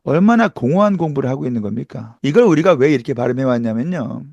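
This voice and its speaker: A man's voice: mid-range voice, animated, quick pace, gravelly, darkish tone, dry recording, dull audio. A middle-aged man teaching English pronunciation in an emphatic lecture style, asking rhetorical questions and demonstrating sounds. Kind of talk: lively online lecture.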